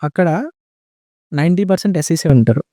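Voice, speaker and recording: A man's voice: on the high side, animated, brisk, dark tone, no room sound, clean studio sound. A young man telling stories in a casual podcast chat, mixing in English words and often calling the host "bro". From India. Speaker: guest.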